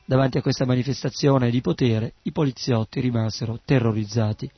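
A man giving scripted narration of a story in an even, steady way. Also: mid-range voice, fairly quick, breathy edge, no echo, muffled recording.

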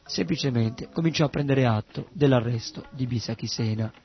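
A man giving scripted narration of a story in an even, steady way. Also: medium pitch, moderate pace, gravelly, dull audio, soft background music.

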